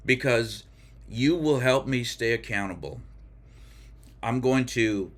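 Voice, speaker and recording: A man in his fifties talking candidly and with self-deprecating humor to camera in a casual vlog, with filler pauses. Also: on the low side, sharp tone. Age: 50s. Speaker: vlogger.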